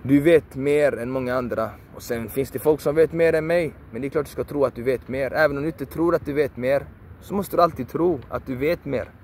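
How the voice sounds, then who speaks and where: A man preaching with fierce repetition, hammering the same words again and again with the odd curse thrown in. He speaks at a middling pitch, and faint traffic hums behind him outdoors. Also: darkish tone. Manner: repetitive, emphatic, preachy, swears for emphasis. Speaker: video creator. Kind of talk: passionate motivational monologue.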